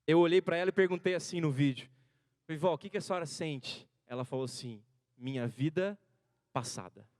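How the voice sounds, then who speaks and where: A man in his thirties from Brazil, a seminarian preaching a sermon built around a personal story, his delivery swinging between hushed and loud, rising passages. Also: fairly high pitch, brisk, no room sound, clean studio sound. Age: 30s. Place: church hall.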